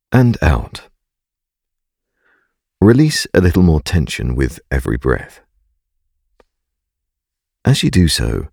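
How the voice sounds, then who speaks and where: A man narrating a scripted guided meditation in a calm, gentle, soothing and unhurried way. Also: very deep voice, gravelly, husky, no room sound, clean studio sound.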